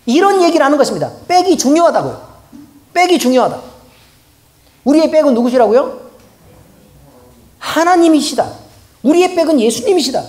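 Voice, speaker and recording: Woman pastor, conversational sermon, expressive rising and falling pitch, prods the congregation with rhetorical questions. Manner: colloquial, keeps asking the congregation rhetorical questions. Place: church.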